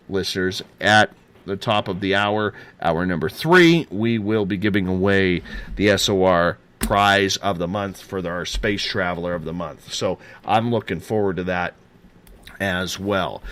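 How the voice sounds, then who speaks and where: A man's voice: on the low side, fairly bright tone, no room sound. A man hosting a paranormal talk show, chatty and rambling, just over a throat and chest cold. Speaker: host.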